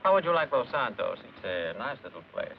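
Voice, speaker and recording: An actor playing a friendly ticket clerk in a 1950s film. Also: male voice, medium pitch, very animated, a little fast, gravelly. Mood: helpful. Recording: dull old soundtrack, distant voice, faint noise.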